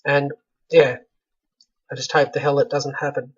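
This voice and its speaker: Flat-toned man vlogging. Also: medium pitch, normal speed, husky. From Australia. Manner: self-described monotone, rambling with frequent self-corrections. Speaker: author vlogging about his book launch. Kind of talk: casual vlog update. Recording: slightly dull lo-fi sound.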